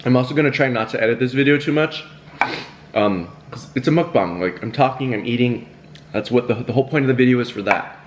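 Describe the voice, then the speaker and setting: A man's voice: mid-range voice, quick pace, noisy background. A young man talking casually to the camera while eating, rambling and laughing between bites. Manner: chatty and rambling, with fillers, laughs and self-talk. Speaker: YouTuber hosting a mukbang.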